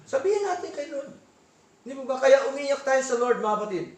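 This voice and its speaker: A man with a Filipino accent preaching a sermon in a church, asking the congregation for assent and reading verses slowly. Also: very high-pitched, animated, echoey room, recorded from a distance. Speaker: pastor. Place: church hall.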